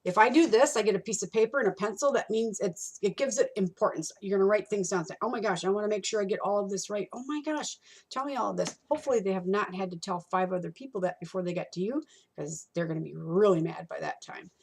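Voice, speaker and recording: A woman's voice: mid-range voice, fast, vocal fry, husky. A middle-aged woman teaching a college course, talking casually through a textbook chapter and acting out customer exchanges. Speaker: college instructor. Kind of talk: recorded lecture walking through a textbook.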